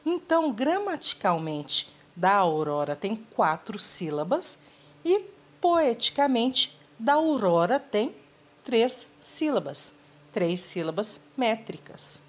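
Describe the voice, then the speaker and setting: A woman's voice: fairly high pitch, big pitch swings, takes it slowly. A woman literature teacher explaining a lesson patiently and speaking to students directly. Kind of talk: recorded lesson.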